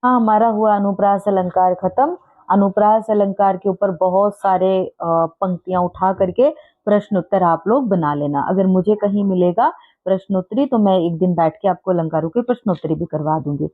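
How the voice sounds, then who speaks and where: A woman gives a casual exam-prep lesson at a middle pitch, reading verses slowly and explaining each one patiently. She checks often that her listeners follow. The sound is thin and narrow, as if heard over a phone line. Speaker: teacher. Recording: tinny phone-like audio.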